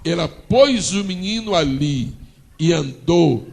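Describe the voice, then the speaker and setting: Brief: Brazilian male pastor, gravelly voice, fairly high-pitched, animated call-and-response sermon. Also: takes it slowly. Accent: Brazilian Portuguese. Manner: dramatic storytelling with call-and-response.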